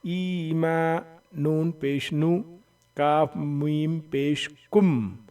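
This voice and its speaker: Man slowly sounding out Quranic letters. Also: fairly high pitch, a little mellow, clear, resonant tone, far from the mic, faint music behind. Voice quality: voice that cracks on strain. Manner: sounds out letters slowly, drawing out vowels, then explains quickly. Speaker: Quran reading teacher. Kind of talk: Noorani Qaida recitation lesson.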